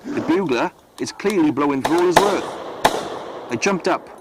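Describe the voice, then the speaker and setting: A man, a living historian, retelling a battle in the first person as a soldier, in a measured, earnest way. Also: a little high, lively intonation, heavy background noise.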